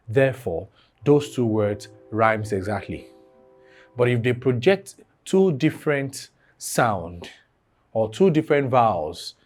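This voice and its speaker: Slow, repetitive tutor. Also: male voice, mid-range voice, darkish tone. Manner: repeats key phrases, asks the class fill-in questions. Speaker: exam-prep English teacher. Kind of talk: online classroom lecture.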